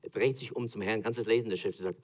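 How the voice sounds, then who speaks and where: A man's voice: fairly low pitch, fast talker, a little mellow. A man with a Swiss German accent preaching a sermon as pastor, telling stories animatedly and acting out quotes with laughter.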